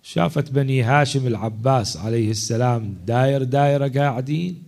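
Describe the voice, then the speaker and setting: A man, a religious orator telling a story in a mourning sermon, swinging between loud cries and hushed asides. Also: medium pitch, a little fast, gravelly.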